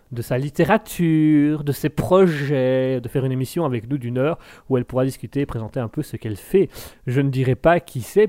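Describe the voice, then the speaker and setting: A man's voice: mid-range voice, a little mellow. A man hosting a live stream, reading out viewer messages in a jokey, rambling way with many restarts.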